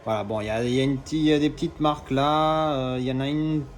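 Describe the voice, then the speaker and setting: This fast-talking collector from Marseille has a medium-pitched voice with fairly even intonation. He rambles through an unboxing, hesitating a lot, restarting his lines and cursing in a casual way.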